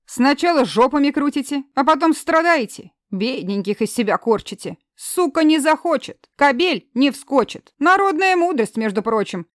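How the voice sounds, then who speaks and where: A woman reading an audiobook voices a rude middle-aged male taxi driver who scolds and mocks his passengers loudly. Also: high voice, expressive, moderate pace, few pauses, no echo, studio quality, pitched above the performer's own voice. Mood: scolding. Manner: loud, scolding, sneering.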